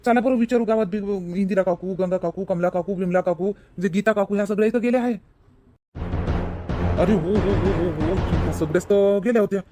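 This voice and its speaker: Brief: man as an anxious village granddad, high voice, fussing and easily scared. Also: a little fast, dark tone, faint music behind, natural voice. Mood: alarmed. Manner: fussing, questioning, easily alarmed. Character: worried old village grandfather. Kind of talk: village comedy sketch acting.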